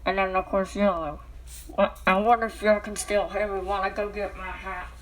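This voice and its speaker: Indoors at home, a woman vlogs on her phone, rambling casually while speaking through a cardboard tube. Almost every sentence ends with a questioning "okay?". Her mid-range voice is fairly even in intonation and fairly quick, and the recording quality is low.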